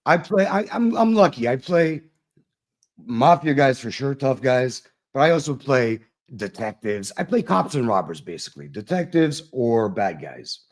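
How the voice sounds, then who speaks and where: A man's voice: mid-range voice, big pitch swings, normal speed. A man from Toronto, Canada, chatting casually as an actor guest, easygoing and agreeable. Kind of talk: casual chat.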